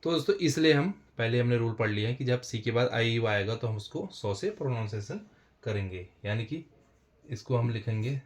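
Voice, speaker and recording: Writing on a board, a man walks through a basic English spelling lesson step by step, repeating himself often and addressing viewers as friends. His mid-range voice is fairly quick, with lively intonation.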